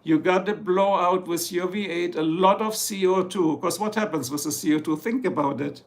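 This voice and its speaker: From his home in Ohio, a German livestream host with a German accent talks casually to viewers while reading comments, rambling, joking, and dropping into German at times. His voice is high and his speed normal.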